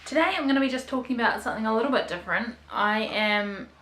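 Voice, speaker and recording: A twenty-something woman with a New Zealand accent rambles candidly to her camera from her bedroom in a casual vlog, poking fun at herself. She talks fast in a fairly high, slightly bright voice, and the room sounds reverberant.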